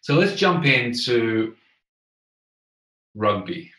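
A man hosting a conversational podcast interview in an earnest, halting manner. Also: medium pitch, big pitch swings, sharp tone. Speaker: podcast host. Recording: roomy echo.

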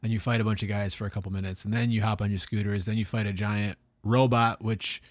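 Podcast co-host, male, lower voice, laid-back, dry close mic. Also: little pitch movement, quick pace, no room sound. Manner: laid-back, short agreeing replies. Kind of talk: casual chat about retro games.

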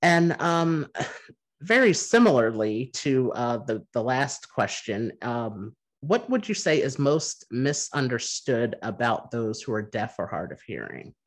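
A man hosting a podcast interview, relaxed and halting with many fillers. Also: medium pitch. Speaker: podcast host. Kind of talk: casual interview.

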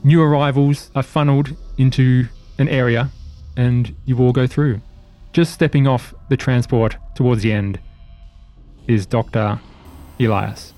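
A man narrating a sci-fi tabletop game as game master, setting scenes in a measured, descriptive way. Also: medium pitch, fairly even intonation, warm tone.

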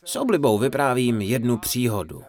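A man delivers a humorous dharma talk as a playful storyteller. His pitch sits in an ordinary middle range, but it swings widely and expressively from line to line. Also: expressive, a little mellow. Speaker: Czech voice-over of a Buddhist teacher's talk.

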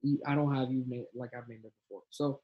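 A man co-hosting a casual football chat, animated and slangy, often talking over his partner. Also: mid-range voice, quick pace, narrow, tinny audio. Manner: animated, swears, says "bro", talks over his partner. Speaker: podcast co-host.

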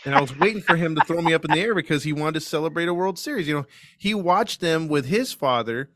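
A man's voice: a little high, expressive, quick pace, fairly bright tone, no echo, clean studio sound. A man in his forties co-hosting a podcast, recalling memories in casual chat. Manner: reminiscing, conversational. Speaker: podcast co-host.

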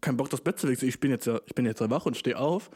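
A man's voice: mid-range voice, fast talker, breathy edge. A man in his twenties chatting casually and at length, full of slang and swearing, and he keeps calling the listener dude. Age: 20s. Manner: slangy, profane and rambling; excitable, addresses listener as dude. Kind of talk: casual solo chat.

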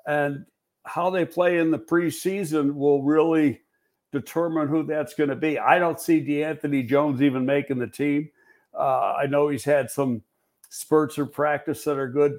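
A man hosting a football talk show, giving frank, analytical opinions in a casual conversational way with frequent fillers and restarts. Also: a little high.

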